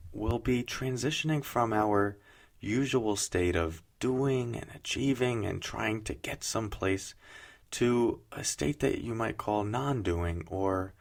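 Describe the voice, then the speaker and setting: A man with a strikingly deep voice guides a meditation, speaking slowly and soothingly with gentle pauses. Heavy vocal fry colors his speech throughout.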